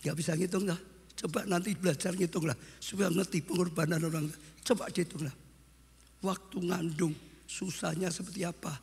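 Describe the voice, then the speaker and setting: A man preaching a wedding sermon, telling stories and swinging between loud exclamations and hushed asides. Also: sits high, fairly even intonation, normal speed, gravelly, husky. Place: church hall. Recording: long hall reverb.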